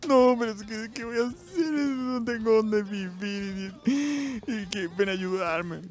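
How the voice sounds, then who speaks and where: A Chilean man putting on the voice of a frightened grown man who sobs and begs a friend for help. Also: takes it slowly. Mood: panicked crying. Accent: Chilean Spanish. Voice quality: high, tearful and pleading. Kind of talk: comic retelling among friends.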